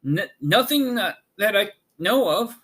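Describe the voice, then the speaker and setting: A gentle, humble man of tin, played by a male storybook reader. He speaks slowly and courteously in a fairly high voice. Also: animated, husky, full character voice. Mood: modest. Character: kind, humble tin woodman of storybook fantasy.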